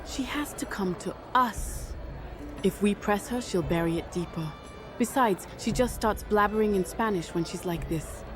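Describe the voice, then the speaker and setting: An actress playing a cautious, concerned young student who is a loyal friend, in an audio drama. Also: female voice, mid-range voice, normal speed, music in the background, close to an everyday voice.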